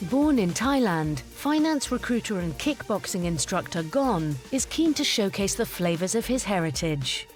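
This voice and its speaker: A woman's voice: medium pitch, sing-song, moderate pace, few pauses, faint music behind. A woman with a British accent giving polished, scripted narration that introduces contestants. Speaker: show narrator.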